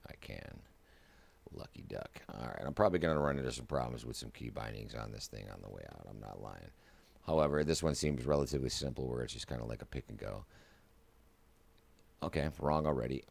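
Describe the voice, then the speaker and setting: A man's voice: extremely low pitch, gravelly, slightly rough. A man giving casual, chatty commentary while streaming a flight simulator, narrating each step aloud with self-mocking asides.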